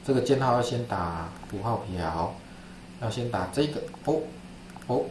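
A man's voice: mid-range voice, animated, moderate pace, noisy background. Male lecturer, chatty and repetitive, roomy classroom sound. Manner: chatty, repeats himself, asks "right?". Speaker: statistics lecturer. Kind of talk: classroom screen-share lesson.

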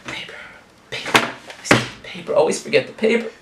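A man's voice: moderate pace, heavy background noise, lightly acted. A man playing an eager, fussy teacher's-pet student in an amateur comedy skit. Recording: echoey room, distant mic, loud clatter.

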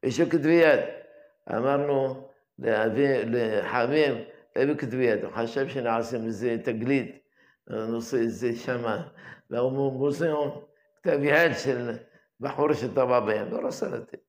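An older man, head of a yeshiva, giving a daily religious lesson and reminiscing in an unhurried, anecdotal way. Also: medium pitch.

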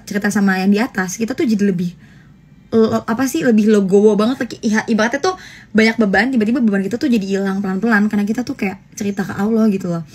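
A young woman talks casually into her phone, answering followers' questions in a loose, joking way. Her voice is breathy and sits at an ordinary pitch for a woman. Bursts of high laughter break into her answers. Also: a little mellow. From Indonesia. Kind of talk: casual livestream chat.

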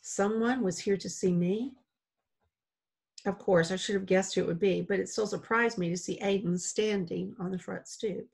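A woman reading a children's novel aloud in a plain, steady storytelling way. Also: medium pitch, moderate pace, creaky, husky. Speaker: audiobook reader.

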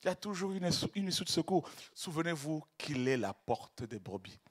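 At a moderate pace, a man with a slightly high, sing-song voice preaches ecstatically. He alternates between hushed murmuring and shouting, repeating words and stumbling over them in his zeal.

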